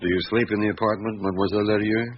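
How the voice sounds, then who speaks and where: An actor playing a patient, persistent police chief inspector questioning a witness in a radio drama, with deliberate hums and pauses. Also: male voice, lowish voice, steady tone, over loud music, natural voice. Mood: patient, probing. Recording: dull lo-fi radio recording with clear hiss.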